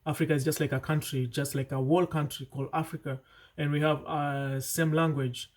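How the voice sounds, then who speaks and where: In a casual advice vlog, the young man talks to camera with sincere chattiness, restarting sentences and adding asides. His fairly high voice is flat in delivery and a little fast.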